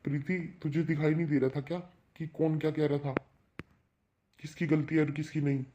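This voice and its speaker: A man's voice: on the high side, flat delivery, fairly quick, dark tone, slight background noise, natural voice. A man voicing a young adult son and brother in a cartoon, reproachful toward his mother and reassuring to his sister. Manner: reproachful, advising.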